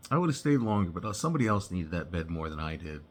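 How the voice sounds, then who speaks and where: A man casually telling a personal story, halting and rambling with many restarts and "you know"s. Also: deep voice, sing-song.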